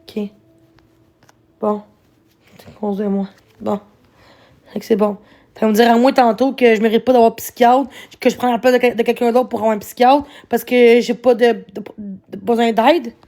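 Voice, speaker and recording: A woman with a Québécois accent, streaming live on her phone and angrily ranting at her chat, swearing and shouting. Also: on the high side, steady tone, moderate pace, pauses often. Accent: Québécois French. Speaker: livestreamer. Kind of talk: angry livestream rant.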